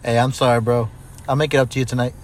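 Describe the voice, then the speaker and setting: A man's voice: medium pitch, flat delivery, fast talker. A man in his twenties co-hosting a podcast, trading crude jokes and banter in casual chat. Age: 20s. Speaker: podcast co-host.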